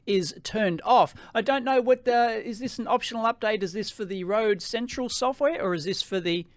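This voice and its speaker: An Australian man with a high-pitched voice and rising sentence endings, giving an excitable, casual off-the-cuff gear demo into a close microphone. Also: moderate pace, no echo. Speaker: tech reviewer hosting a gear demo. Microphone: close podcast microphone.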